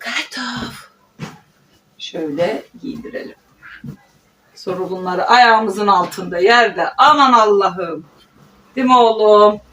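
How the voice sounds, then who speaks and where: A vlogger with a medium-pitched, fairly bright voice chats casually at home, cooing affectionately to her pet parrot as she works. The mic is distant and background noise is clearly audible.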